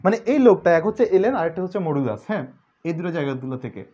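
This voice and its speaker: A man's voice: on the high side, very animated, rapid-fire, dark tone. A young man tutoring calculus online, chatty and joking, slipping English words into his talk. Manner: chatty, mixes English words, jokes with students. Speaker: math tutor. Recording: dull lo-fi sound.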